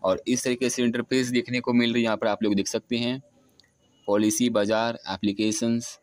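A young man of around twenty narrates an app screen recording in an unscripted tutorial, going step by step and repeating himself. His medium-pitched delivery is flat and moderately paced, with no room sound.

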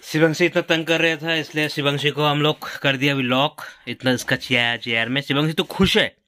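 Young male vlogger, chatty, bright voice, faint hiss on the phone audio. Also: steady tone, normal speed. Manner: chatty, addresses viewers as guys, coaxing the child in a high sing-song. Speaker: vlogger, father. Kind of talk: casual family vlog narration.

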